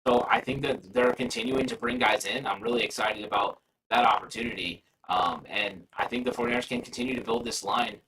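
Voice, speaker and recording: A man's voice: mid-range voice, a little fast, few pauses, bright, forceful tone, slightly rough, far from the mic, poor audio. Man with a glitchy robotic-sounding voice. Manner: rambling, frequent restarts and fillers. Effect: garbled robotic-sounding audio from a bad connection. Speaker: sports podcast host. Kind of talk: casual livestream chat.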